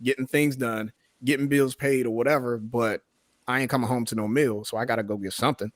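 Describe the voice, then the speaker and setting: A man's voice: medium pitch, steady tone, brisk, no echo, studio quality. A man in casual podcast discussion, laid-back and slangy, hedging with small asides as he explains.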